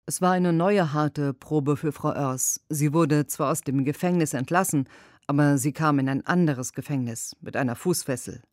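A woman reading a lawyer's translated interview answers in a measured, earnest way. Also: low voice, a little mellow, dry recording, clean studio sound.

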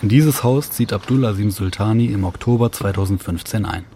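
A low-pitched man reads scripted documentary narration. He sets scenes calmly and precisely, in a clean studio recording. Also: noisy background. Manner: measured, descriptive.

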